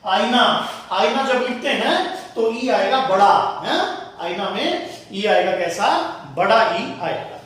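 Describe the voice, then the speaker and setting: A man's voice: sits high, slow, a bit bright, recorded from a distance. A male teacher giving a Hindi spelling lesson, explaining each word step by step and addressing students as "beta". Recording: very echoey room from afar.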